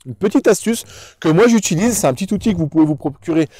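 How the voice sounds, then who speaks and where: A man's voice: high-pitched, lively intonation, fast, warm tone, dry recording. A man working as a dog trainer, explaining things in a didactic, instructional way and addressing the viewer directly. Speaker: dog trainer presenting a tutorial.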